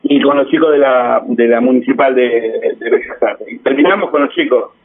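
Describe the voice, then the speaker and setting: A man's voice: medium pitch, moderate pace, breathy edge, phone-quality sound. A man with an Argentine accent chatting casually as a guest, rambling and restarting his sentences. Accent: Argentine Spanish. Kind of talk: casual conversation.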